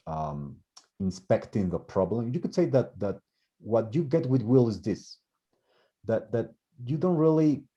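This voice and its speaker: A man's voice: fairly low pitch, mellow. A man teaching grammar, thinking aloud with many repeated words and restarts. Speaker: language teacher. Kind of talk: explaining grammar in class. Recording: muffled lo-fi recording.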